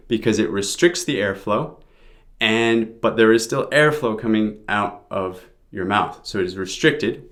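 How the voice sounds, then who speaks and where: A man's voice: fairly low pitch, fairly bright tone. A man giving an informal pronunciation lesson, explaining sounds step by step as a teacher.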